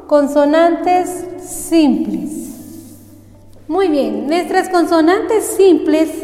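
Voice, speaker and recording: High-voiced woman teacher, super slow, spelling out sounds letter by letter, echoey room w faint music. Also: a little mellow. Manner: careful, drawn out, sounding out letters one by one. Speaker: language teacher. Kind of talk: slow spoken lesson.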